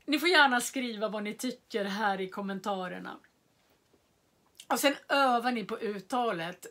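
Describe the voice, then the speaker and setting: A woman teaching a language lesson in a careful, clear voice at a mid pitch. She sounds out each word slowly and repeats it so learners can follow. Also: fairly bright tone. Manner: spells out words slowly and repeats them for learners.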